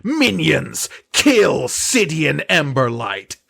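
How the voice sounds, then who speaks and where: An imperious, plummy grande dame played by a man, a villainous duchess in a tabletop game. She is scornful and lifts her voice as she gives commands at a slow, stately pace. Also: fairly high pitch, sing-song, vocal fry, pushed and bright, pitched above the performer's own voice, exaggerated voice. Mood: scornful, commanding. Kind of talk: game master's tabletop character voice.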